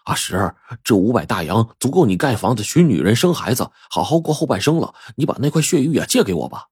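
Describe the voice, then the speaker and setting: A storyteller voicing an earnest young mill worker who pleads sincerely. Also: male voice, mid-range voice, big pitch swings, brisk, darkish tone, slightly rough, no echo, clean studio sound. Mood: coaxing.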